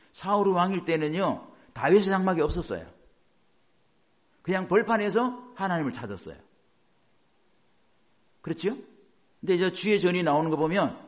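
A middle-aged male pastor preaching a sermon, often asking the congregation questions and answering them himself. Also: on the high side.

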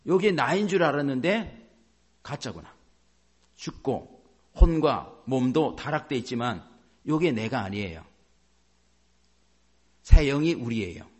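A man's voice: medium pitch, slightly rough. A male pastor preaching a sermon, acting out inner self-talk as he goes.

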